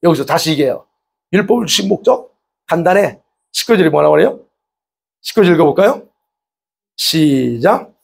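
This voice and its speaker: A man's voice: a little high, sing-song, normal speed, vocal fry, pauses often, slightly rough. A pastor preaching a sermon, explaining with rhetorical questions, repeating and stressing his points. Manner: emphatic.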